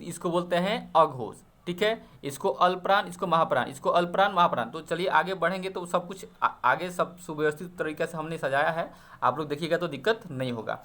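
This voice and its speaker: A man's voice: on the high side, sharp tone. A man teaching an exam-prep grammar lesson, explaining step by step and checking often that students follow. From Bihar.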